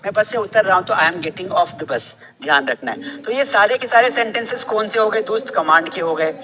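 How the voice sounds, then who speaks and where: A man's voice: high-pitched, animated, brisk, a crowd in the background, rough recording. A man teaching English phrases in a casual classroom style, quizzing his listeners with repeated questions.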